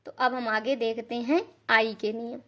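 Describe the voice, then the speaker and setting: A woman teaching English pronunciation rules, explaining slowly and patiently, repeating each rule and spelling out example words. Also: on the high side, level tone. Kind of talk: slow classroom-style explanation.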